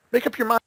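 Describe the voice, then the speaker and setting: A man's voice: very high-pitched, vocal fry, pushed and bright, breathy edge, no room sound. A man co-hosting a casual podcast chat, talking bluntly over a remote mic that keeps cutting in and out. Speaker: podcast co-host.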